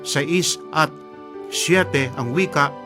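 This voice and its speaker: A man's voice: on the high side, drawn-out words, music in the background. A pastor delivering an earnest radio sermon, telling stories and calling his listeners friends.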